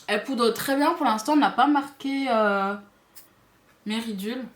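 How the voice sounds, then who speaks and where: A woman's voice: on the high side, normal speed. Chatty woman vlogger in an echoey room. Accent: Belgian or Swiss French. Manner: chatty, frequent asides and fillers to viewers. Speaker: beauty vlogger. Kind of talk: casual makeup review to camera.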